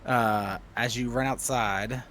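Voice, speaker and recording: Guy running a tabletop game, slow n halting narration, pauses mid sentence, slight background noise. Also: medium pitch, steady tone, fairly bright tone. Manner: halting, pausing mid-phrase. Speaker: game master.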